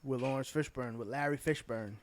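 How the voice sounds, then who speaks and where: A man's voice: medium pitch, a little fast. A man with a Boston accent co-hosting a podcast, laid-back and answering briefly in casual chat. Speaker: podcast co-host.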